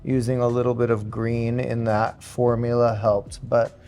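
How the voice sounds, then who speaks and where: A man working as a hairstylist, calmly explaining each technique step by step as he goes. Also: mid-range voice, measured pace, faint music behind. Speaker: hairstylist and makeup artist. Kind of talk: step-by-step tutorial narration.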